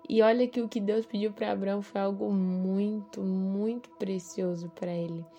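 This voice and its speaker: A woman reading a scripture passage and then giving a short devotional reflection, speaking hesitantly with many pauses and fillers. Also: medium pitch, fairly even intonation, warm tone.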